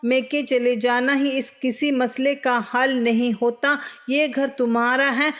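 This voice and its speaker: A woman voicing a patient, hurt young husband in a storybook, who pleads and reasons gently. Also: high-pitched, flat delivery, lightly acted.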